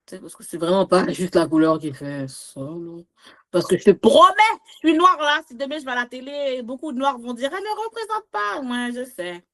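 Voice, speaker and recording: A Québécoise woman with a fairly high voice talks freely as a guest, her tone leaping up and down as she jokes and laughs through her points. She sounds relaxed and expressive, a comedian in casual conversation. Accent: Québécois French. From Quebec. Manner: animated, laughs often, big pitch swings. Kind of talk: casual interview chat.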